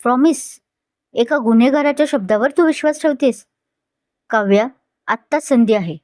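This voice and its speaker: A woman's voice: on the high side, moderate pace, darkish tone, no echo, clean studio sound, close to an everyday voice. Scheming young woman, as a narrator reads her. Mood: persuasive. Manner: persuasive, insinuating.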